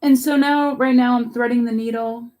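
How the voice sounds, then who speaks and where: A woman yoga instructor guiding a home yoga class in a relaxed way, with a raspy voice and pollen congestion. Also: on the high side, normal speed. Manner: relaxed, cueing poses with fillers. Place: home under construction. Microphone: laptop camera.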